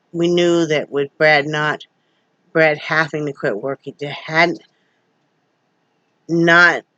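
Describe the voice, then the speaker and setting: In her front room, a wheezy, sore-throated middle-aged woman from Wyoming rambles through a casual home vlog chat, full of fillers and folksy charm. Her low, slightly bright voice has no room sound, though the home recording is dull and lo-fi.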